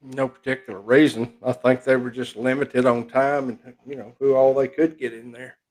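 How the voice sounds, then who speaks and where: A man on a casual talk show gives an even, measured answer to a viewer question. He talks at an unhurried pace in an ordinary speaking voice. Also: mid-range voice. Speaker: co-host. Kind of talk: casual chat.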